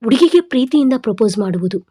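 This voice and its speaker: A woman narrating a romantic audio story in a steady, measured reading. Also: a little high, slightly rough.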